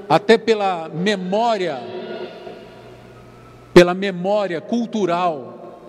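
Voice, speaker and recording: A Brazilian man preaching an evening church sermon as pastor. He calls out to the congregation and urges them to answer. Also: high-pitched. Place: church sanctuary. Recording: long church hall reverb, faint noise.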